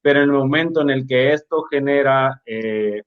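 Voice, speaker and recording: A man's voice: medium pitch, normal speed. A man, a basketball referee, explaining game rules on a video call, with fillers and restarts. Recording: dull lo-fi call audio.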